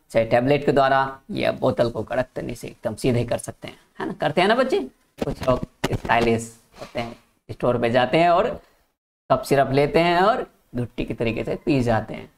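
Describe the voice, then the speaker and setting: A man teaching an exam-prep lecture, reading out questions and options and coaxing his students with quick questions to answer. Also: on the high side. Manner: animated, asks students questions and coaxes them.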